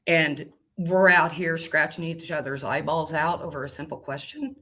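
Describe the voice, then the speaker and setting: A woman's voice: sits low, moderate pace, sharp tone. A woman truck driver talking as an interview guest, plainspoken and emphatic in a folksy, casual way.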